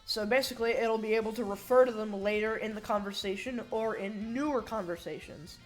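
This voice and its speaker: A woman's voice: mid-range voice, brisk, faint music behind, poor audio. A woman giving a casual, rambling tech demo, with slightly slurred S sounds from braces and a bite plate. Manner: informal, rambling, thinking aloud. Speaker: hobbyist programmer demonstrating a project.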